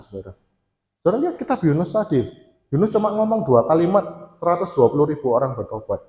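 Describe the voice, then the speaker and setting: A man with an East Javanese accent preaches in a relaxed, conversational way, often turning to the congregation. His voice sits at an ordinary pitch. The recording is dull and full of the long echo of a church hall. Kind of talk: sermon.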